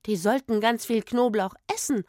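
A woman voicing a cheeky, quick-witted boy musician in a children's audio story, hasty with jokes and mumbled asides. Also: fairly high pitch, darkish tone, dry recording, clean studio sound, natural voice.

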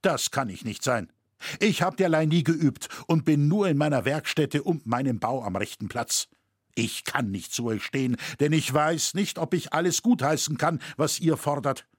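A man's voice: fairly high pitch, dry recording, clean studio sound, lightly acted. A man reading a resolute master builder. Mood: calm, solemn. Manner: firm, measured declaiming. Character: steadfast male cathedral master builder, proud, resolute.

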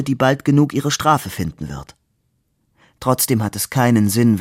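A man reading aloud as an ironic young man who argues calmly and sardonically. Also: mid-range voice, no echo, studio quality, natural voice. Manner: measured, reasoning, wry. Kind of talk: literary reading.

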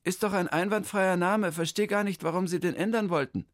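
A man voicing a fussy, brisk female office clerk in a children's story. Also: high voice, fairly even intonation, no room sound, studio quality, pitched above the performer's own voice, lightly acted. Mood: officious. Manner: brisk bureaucratic chatter.

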